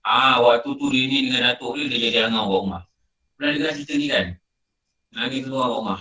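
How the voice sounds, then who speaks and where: A man's voice: medium pitch, quick pace, bright, forceful tone. A middle-aged man with a Malaysian Malay accent, giving an informal religious lecture and telling stories with many repetitions. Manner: conversational, storytelling with repetition. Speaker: religious teacher. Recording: roomy sound, distant from mic.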